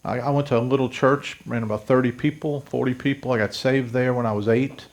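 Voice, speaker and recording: Gravelly-voiced pastor in his fifties from Louisiana. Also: mid-range voice, steady tone, a little fast. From South Louisiana, USA. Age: 50s. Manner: earnest storytelling, addresses the congregation directly. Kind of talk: testimony sermon.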